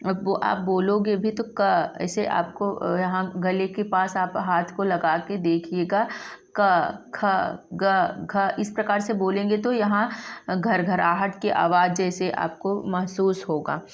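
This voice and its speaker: A woman teaching a Sanskrit lesson in speech, slowly spelling out sounds one by one and repeating them. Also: mid-range voice, steady tone, muffled recording. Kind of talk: classroom lesson.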